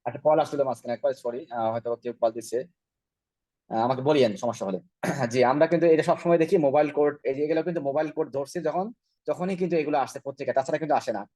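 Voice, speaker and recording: Fast-talking man presenting slides. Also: a little high, mellow, dry recording. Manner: rhetorical questions, repeated check-ins. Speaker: product trainer. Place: online call.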